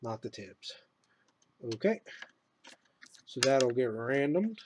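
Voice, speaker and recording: A man with a mid-range voice and big pitch swings hosts a live sports card break, announcing each pulled card with a slow, loud build-up. He tosses in casual, laughing asides, with background noise audible.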